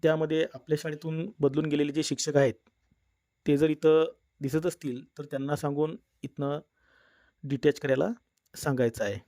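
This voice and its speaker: A man narrating a step-by-step software tutorial in a plain instructional manner. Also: fairly high pitch, level tone, normal speed, dry recording, studio quality. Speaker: tutorial presenter. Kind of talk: screen-recorded software tutorial.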